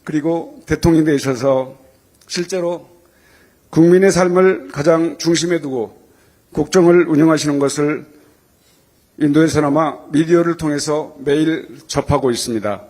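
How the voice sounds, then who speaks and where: A man with a slightly high, darkish voice speaks at normal speed. As a community association president, he delivers a formal, prepared welcome address in an earnest, deferential, ceremonial way.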